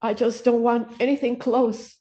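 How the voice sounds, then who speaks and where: A woman's voice: fairly high pitch, flat delivery, normal speed, warm tone, lo-fi sound. An older woman speaking at a court hearing as the defendant's wife, earnest and repetitive, with stammering restarts.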